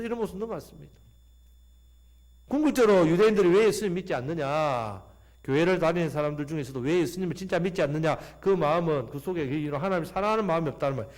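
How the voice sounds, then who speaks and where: A man preaching a Sunday sermon as pastor, animated and fond of acting out quoted voices. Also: high voice.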